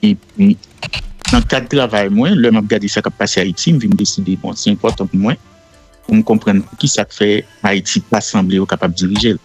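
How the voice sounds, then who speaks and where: Middle-aged Haitian man, deep husky voice, radio guest; steady explainer with faint music under. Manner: measured, explanatory, with frequent fillers. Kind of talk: casual radio interview.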